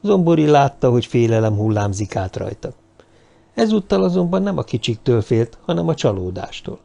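A man calmly narrating a novel as an audiobook reader. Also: medium pitch, creaky. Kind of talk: scripted narration.

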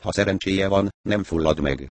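A man voicing a fierce, cold woman who makes quiet, hard threats. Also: low voice, dry recording, lightly acted. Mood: coldly threatening.

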